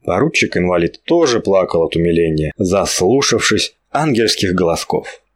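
Low-voiced man reading a storybook. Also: sing-song, moderate pace. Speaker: audiobook narrator. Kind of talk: scripted narration.

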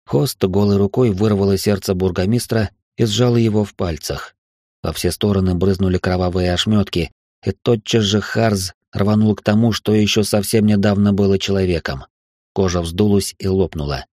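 A man reading a dark fantasy audiobook in steady scripted narration, voicing the first-person hero. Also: low-pitched, no room sound, studio quality.

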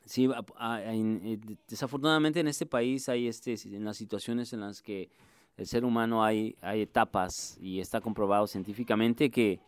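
A middle-aged man from Mexico City with a capital-city Mexican accent, a musician and music instructor speaking earnestly in a radio interview, halting with many fillers and restarts. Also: lowish voice, steady tone, clean tone, dry recording. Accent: Mexico City Spanish.

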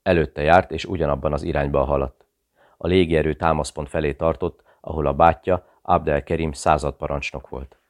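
A man narrating an audiobook thriller in a steady, measured reading. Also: rumbling low.

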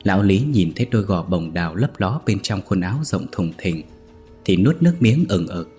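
A man narrating a scripted ghost story in a steady, even storytelling manner. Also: deep voice, moderate pace, faint music behind.

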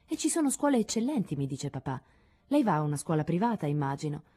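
A woman's voice: sits low, sing-song, fast talker, mellow. A woman voicing a prim, condescending young English lady, gracious but patronizing.

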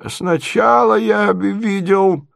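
A confused old prince, high and quavering. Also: male voice, slow, vocal fry, no echo, clean studio sound, full character voice. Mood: dithering. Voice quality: stammering, quavering. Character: senile elderly prince, fussy and confused.

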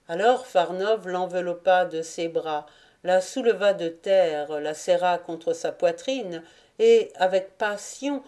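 Slow, measured woman narrating a novel. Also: on the low side, warm tone. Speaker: audiobook reader. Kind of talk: literary audiobook narration.

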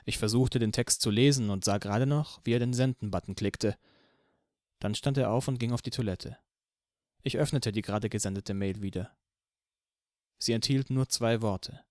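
A man's voice: mid-range voice, normal speed, a little mellow, no room sound. Male audiobook narrator, dry close sound. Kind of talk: first-person audiobook narration.

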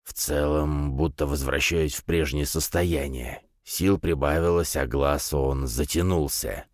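A man voicing a hot-tempered lizard-mutant count who hisses his words slowly and angrily in an audiobook. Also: extremely low pitch, fairly even intonation, no room sound, clean studio sound. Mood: angry. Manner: slow, hissing, angry.

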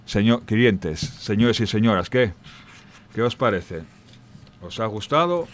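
A man's voice: fairly low pitch, expressive, takes it slowly. A man with a Spain Spanish accent telling stories and jokes in a chatty way, talking straight to his listeners. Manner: chatty, addresses listeners directly, with restarts. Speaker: storyteller. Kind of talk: informal storytelling and jokes.

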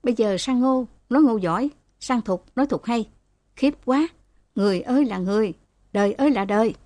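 A woman's voice: a little high, a little fast, dark tone, no echo, natural voice. A woman voicing a plump, bitter office woman who laments sourly. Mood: sour sarcasm. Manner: sour, lamenting.

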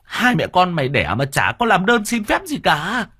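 A man's voice: high voice, wildly swooping pitch, moderate pace, bright, forceful tone, slightly rough, no room sound, clean studio sound, voice pushed up, full character voice. A man voicing a flustered young village husband who stammers and hurries. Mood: grumbling.

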